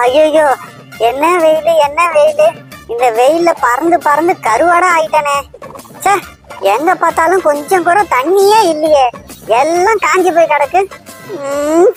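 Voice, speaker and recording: A woman's voice: sits high, unhurried, faint music behind. A woman voicing a greedy, cheeky parrot in a cartoon, taunting and mocking.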